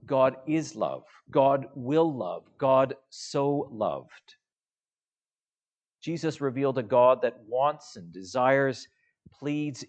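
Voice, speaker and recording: A man delivers a sermon at an unhurried pace, lingering on his words. His voice sits at a middling pitch and fades gently at the close of each phrase. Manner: slow, measured, with soft trailing phrase endings. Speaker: preacher.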